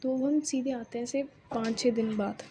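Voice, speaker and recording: Her voice sits on the high side, warm and fairly even in intonation, at a normal pace, with a little hiss or hum in the recording. This woman narrates a romance in a loose, chatty manner, full of fillers and speaking informally to listeners.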